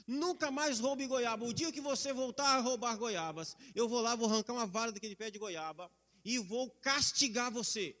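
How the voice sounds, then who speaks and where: A man voicing a calm, stern mother who firmly scolds her son, with a long hall echo. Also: very high-pitched, normal speed. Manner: calm, firm.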